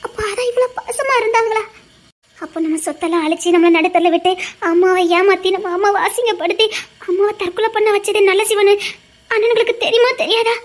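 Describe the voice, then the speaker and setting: A high, sobbing young sister with a Tirunelveli accent. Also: female voice, fast talker. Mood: shaken. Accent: Tirunelveli Tamil. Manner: sobbing, pleading, breaking into laughter through tears. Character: young sister, long believed orphaned, weeping. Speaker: actor in a TV serial. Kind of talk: TV serial acting.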